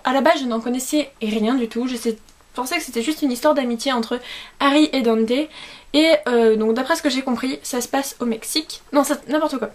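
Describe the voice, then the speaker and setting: High-pitched, chatty young woman. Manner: informal, self-correcting, emphatic with repeated intensifiers. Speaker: book vlogger. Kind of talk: casual chatty book haul vlog.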